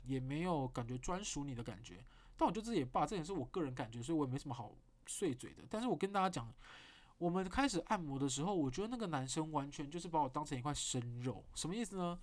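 A man with a Taiwanese Mandarin accent hosting a podcast, telling a story in a casual monologue with animated delivery and blunt swearing. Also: fairly high pitch. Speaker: podcast host.

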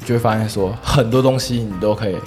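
A man who teaches whisky, explaining tasting in a casual chat, quick and quietly confident. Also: on the low side, steady tone, soft background music. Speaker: whisky instructor.

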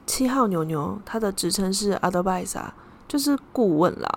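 A woman's voice: mid-range voice, lively intonation, normal speed, gravelly, slight background noise. A young woman hosting a podcast, telling a story in a chatty, casual way and dropping Japanese terms into her talk. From Taiwan. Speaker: podcast host.

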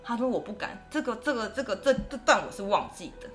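A woman's voice: on the high side, quick pace, faint music behind. A woman, a guest telling ghost stories in casual chat and acting out the voices she quotes. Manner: animated, acts out quoted voices. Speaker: guest storyteller.

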